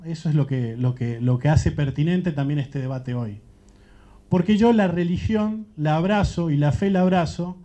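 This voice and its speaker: A man from Central America addresses a panel, reflecting aloud with an earnest, searching manner. His voice sits somewhat high yet sounds very dark and mellow. The recording is dull and muffled, like a lo-fi capture of a live event.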